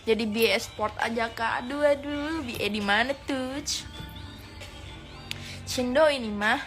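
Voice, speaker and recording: Bright, playful young woman streamer. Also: fairly high pitch, measured pace, faint music behind.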